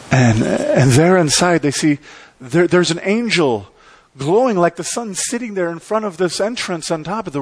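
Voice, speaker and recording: A middle-aged man preaches from the pulpit of a church sanctuary, his voice at an ordinary male pitch. He delivers the sermon in an animated way, slowing into dramatic pauses and gesturing widely as he speaks. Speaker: pastor.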